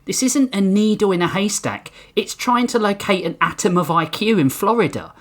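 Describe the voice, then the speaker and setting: Man plays a frazzled assistant, high and pleading, in a comic audio story. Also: expressive, normal speed, fairly bright tone. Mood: exasperated. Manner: pleading, raised pitch, exasperated.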